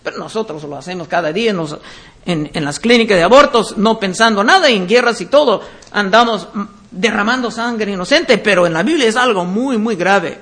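A man preaching a verse-by-verse Bible teaching sermon, reading scripture aloud and then explaining it deliberately. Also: high-pitched, lively intonation, a bit bright.

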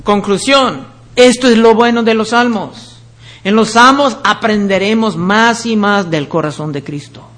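High-voiced man preaching a sermon. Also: a little slow, a bit bright. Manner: reads scripture passages aloud, with slips and restarts. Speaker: pastor.

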